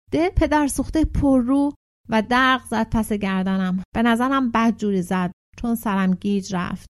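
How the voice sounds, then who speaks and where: A woman's voice: mid-range voice, a little mellow. A woman narrating a short story as an audiobook, reading steadily and shifting her tone for the characters' quoted lines. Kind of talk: audiobook narration with voiced dialogue.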